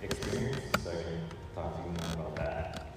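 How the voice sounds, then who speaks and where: A man's voice: deep voice, brisk. A man from Florida talking casually as a panelist, recorded in a big echoing auditorium. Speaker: panelist, comic book artist. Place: auditorium stage at comics expo. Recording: echoing hall, distant, clear background noise.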